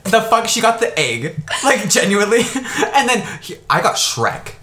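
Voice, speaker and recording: Animated young man, lively swearing storyteller. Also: high voice, normal speed, roomy sound. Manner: animated, swearing, laughing often. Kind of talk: casual storytelling chat.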